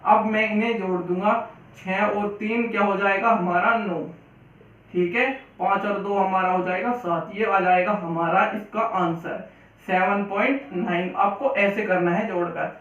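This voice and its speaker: Brief: male math teacher, high voice, patient and repetitive, recorded from far off with a muffled sound. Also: fairly even intonation, unhurried, a bit bright. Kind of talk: Hindi classroom-style lesson. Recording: echoey, distant, dull room sound.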